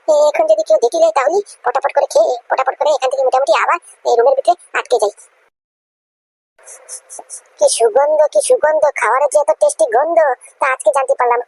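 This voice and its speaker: Cartoon comedy: a woman doing a sulky, greedy wife, high-voiced, chattering at top speed, dry close recording. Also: vocal fry, a little mellow, dry recording, rough recording. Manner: rapid, chattering, complaining. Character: sulking stubborn wife, greedy for biryani.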